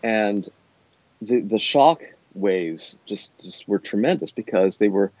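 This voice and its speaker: A middle-aged man, an academic, speaking discursively and thoughtfully in a conversational interview, with hesitant, measured phrasing. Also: fairly low pitch, darkish tone. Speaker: university academic being interviewed. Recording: dull, roomy, echoey sound.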